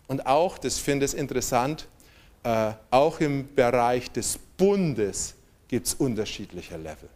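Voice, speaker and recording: A man preaching a sermon, reading scripture aloud with strong emphasis and calling on the congregation to respond. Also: medium pitch.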